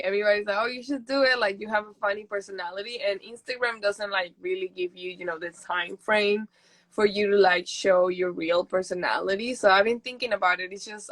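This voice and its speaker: A woman's voice: mid-range voice, fairly bright tone, no room sound, poor audio. A young woman from Peru, a native Spanish speaker, chatting casually and laughing often as an interview guest. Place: houseboat.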